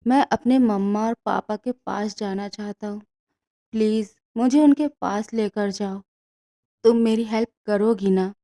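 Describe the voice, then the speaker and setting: A woman's voice: mid-range voice, measured pace, dark tone, lightly acted. A woman voicing a terrified young man who cries and pleads like a child. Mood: tearful pleading. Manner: crying, pleading tone.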